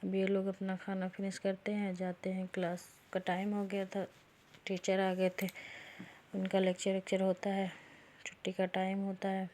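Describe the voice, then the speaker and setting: A woman narrates a romance story in a relaxed, chatty way, as if talking to friends. Her voice stays fairly level with little rise and fall, and her tone is mellow and dark rather than bright. She reads the characters' lines without putting on voices. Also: medium pitch, normal speed, a little hiss or hum. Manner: chatty, retells dialogue plainly without doing voices. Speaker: storyteller and channel host. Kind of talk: casual spoken storytelling.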